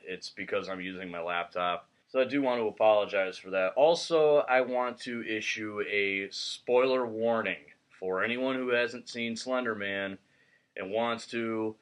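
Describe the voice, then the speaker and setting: A man's voice: on the low side, a little slow, smooth. A man hosting a movie review channel, chatting casually and laughing easily, recorded on a laptop microphone.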